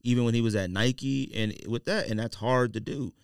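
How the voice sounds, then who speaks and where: Hosting a casual podcast of chat and debate in an indoor studio, an American man argues his points emphatically and repeats himself. His medium-pitched voice is smooth with vocal fry, at a normal pace, and the recording is dry and studio quality.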